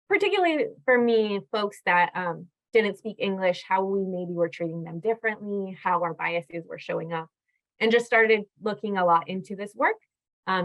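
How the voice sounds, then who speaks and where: A woman from California presenting a professional webinar in a conversational way, with frequent fillers. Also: mid-range voice. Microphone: video call. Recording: dull lo-fi webinar audio.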